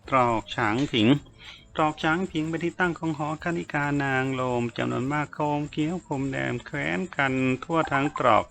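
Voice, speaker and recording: A man narrating a novel in a steady, measured storytelling voice. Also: a little high, gravelly. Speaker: audiobook narrator. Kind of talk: novel reading.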